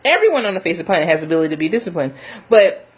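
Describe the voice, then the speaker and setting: A woman's voice: sits low, fairly even intonation, rapid-fire, slight background noise. A woman giving a casual, motivational livestream talk in a chatty, emphatic way, often checking in with her listeners. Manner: chatty, emphatic, laughs often, punctuates with "okay?" and "you know". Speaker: motivational faith coach, livestream host.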